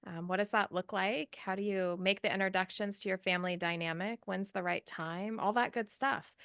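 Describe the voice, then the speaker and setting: Bright, gravelly-voiced woman podcast host. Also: medium pitch, fairly even intonation, moderate pace, dry recording, studio quality. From United States. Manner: upbeat, says um often. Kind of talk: podcast intro and casual chat.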